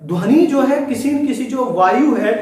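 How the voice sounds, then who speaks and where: A man's voice: extremely high pitch, expressive, unhurried, darkish tone. A male teacher giving a lecture, explaining step by step and pointing things out as he goes. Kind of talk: classroom lecture. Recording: echoey room, mic far off.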